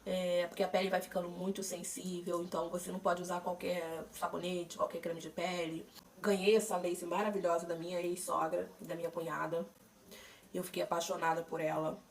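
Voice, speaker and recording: A woman's voice: lowish voice, level tone, a little fast. A young Brazilian woman with a Brazilian Portuguese accent, openly telling her own story in a chatty personal vlog, with fillers and restarts. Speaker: vlogger sharing her cancer treatment. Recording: voice a bit distant from the mic, faint noise.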